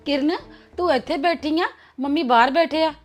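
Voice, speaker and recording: A young actress playing a cautious, gossiping elder sister-in-law who talks in a confiding manner. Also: female voice, sits high, moderate pace, faint music behind, lightly acted. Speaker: actor. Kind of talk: web series drama acting.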